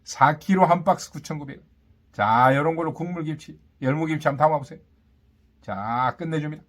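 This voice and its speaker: A man working as a market vendor, calling out prices and specials in short, repetitive, boastful sales patter. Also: brisk. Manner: hawking pitch, repetitive, punchy short phrases with boastful catchphrases. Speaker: market vendor announcing produce and meat prices.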